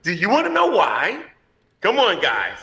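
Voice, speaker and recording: A man's voice: high voice, wildly swooping pitch, unhurried, creaky, pushed and bright. Man ranting with heavy cave echo. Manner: dramatic, preachy call-outs. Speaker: YouTuber. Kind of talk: ranting video commentary. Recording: echoey reverb-heavy video clip.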